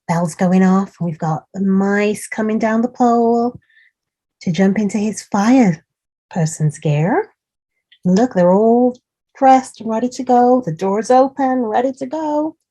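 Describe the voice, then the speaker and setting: A woman with a slightly high, mellow voice and a touch of huskiness reads a picture book to small children at a relaxed pace. She encourages them with asides about the details, as a storytime host would.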